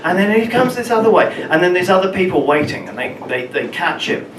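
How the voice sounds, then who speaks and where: A man telling a personal story at an open mic, halting and often repeating words as he goes. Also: high voice, big pitch swings. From London, England. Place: small open mic venue in a room. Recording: roomy, distant, with room ambience noise.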